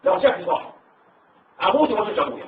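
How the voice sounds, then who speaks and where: An older Egyptian man with an Egyptian Arabic accent, a war veteran telling his story to a salon audience in an animated, halting way. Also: slight background noise. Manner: animated, rising into high pitch when moved, halting restarts. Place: hall at a literary salon. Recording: tinny distant hall recording with echo.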